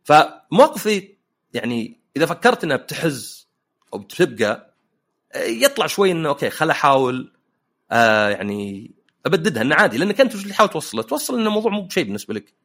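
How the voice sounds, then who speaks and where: A man's voice: high-pitched, wildly swooping pitch, rapid-fire, vocal fry, a bit bright, breathy edge. A man hosting a casual podcast chat, telling jokey personal anecdotes. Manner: anecdotal, joking storyteller. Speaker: podcast host.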